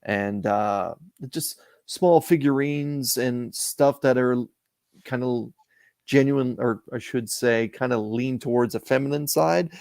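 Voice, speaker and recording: A man's voice: mid-range voice, slow pace, a little mellow, no echo, studio quality. A Canadian man, a guest on a live stream, chatting casually and rambling with repeated starts. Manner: rambling, repeats and restarts words.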